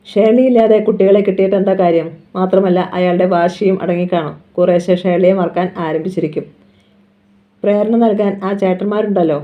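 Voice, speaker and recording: Steady reader of a novel, lo-fi. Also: medium pitch. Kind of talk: scripted novel narration. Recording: dull lo-fi recording.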